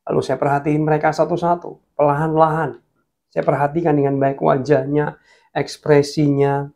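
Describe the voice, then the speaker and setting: Earnest gravelly male preacher. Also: a little high, flat delivery, normal speed. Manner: earnest, addresses listeners as guys, drops to hushed tones. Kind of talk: sermon with personal testimony.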